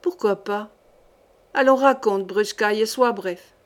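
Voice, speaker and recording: A woman's voice: medium pitch, a little slow, natural voice. A woman reading the part of a stern medieval duke who gives curt, commanding orders.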